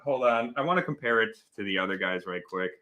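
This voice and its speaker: A man's voice: on the low side, lively intonation, fast, background noise. A man hosting a casual livestream, chatting, laughing often and reading out viewer comments. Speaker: host.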